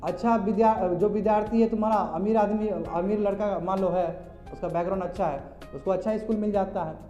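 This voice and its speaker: With a high, steady, dark-toned voice and a brisk pace, a teacher lectures conversationally, turning to students directly and using English terms. Faint music sits behind the echoey, slightly dull classroom audio.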